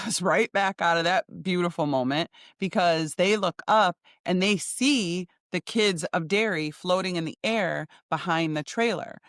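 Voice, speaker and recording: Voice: medium pitch, fairly bright tone, no echo, clean studio sound. A podcast host giving a casual, chatty recap of a TV episode, thinking aloud with small laughs and restarts.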